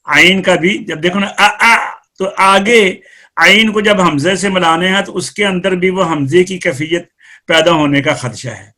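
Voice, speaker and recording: A man's voice: sits high, sharp tone. A man with a Pakistani Urdu accent teaching Quran recitation rules in a live class, explaining step by step and quizzing students by name.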